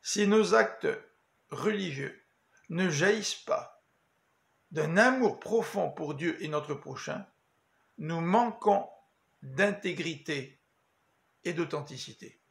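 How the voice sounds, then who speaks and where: A man giving a daily Bible meditation as pastor, in a measured, earnest preaching manner. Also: a little high, vocal fry. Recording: echoey room.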